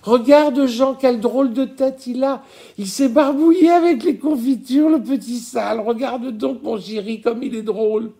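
A man's voice: high voice, unhurried, warm tone, voice pushed up. A man reading an audiobook, voicing a dying old spinster who tenderly calls out to imaginary children in a thin, faraway voice. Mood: gleeful delirium. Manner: tender, motherly scolding.

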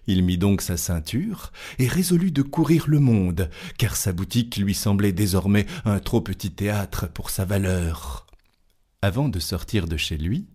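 A man reading a fairy tale aloud as narrator, with lively, expressive storytelling. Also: lowish voice.

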